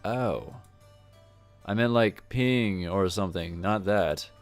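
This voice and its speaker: A man's voice: deep voice, slow, faint music behind. A man voicing a young male new resort worker who asks hesitant, awkward questions.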